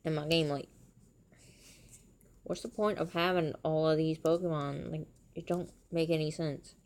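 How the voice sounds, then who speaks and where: Lady streamer rambling about her phone game, kinda low voice, gets all worked up and shocked. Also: moderate pace. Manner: chatty and animated, exclaims in surprise. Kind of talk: casual game commentary.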